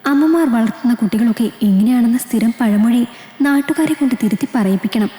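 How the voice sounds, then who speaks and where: A woman's voice: fairly high pitch, a little fast, mellow, roomy sound, in a large hall, close to an everyday voice. Woman voicing a protective mother. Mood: caring. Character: caring middle-aged mother.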